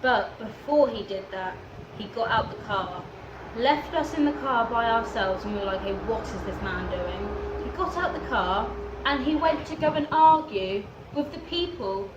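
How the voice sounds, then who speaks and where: Woman doing an animated dramatic storytime rant, highish voice, echoey room w a bit of noise. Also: moderate pace, few pauses, highs cut off. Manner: animated, dramatic retelling with acted-out quotes. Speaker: storyteller in a two-person story time. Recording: roomy echo, faint background noise.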